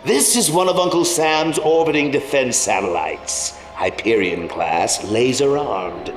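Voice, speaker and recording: An actor playing a gleeful clown supervillain in an audio drama, mocking and theatrical with a sing-song delivery. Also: male voice, medium pitch, expressive, a little slow, lightly acted. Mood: smug taunting. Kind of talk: audio drama villain acting. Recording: echoey reverberant sound under loud music.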